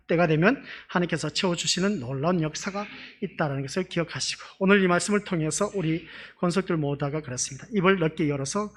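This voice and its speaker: Male pastor, high-pitched voice, delivers a conversational sermon to his congregation. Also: a bit bright. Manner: conversational preaching with rhetorical questions to the congregation. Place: church.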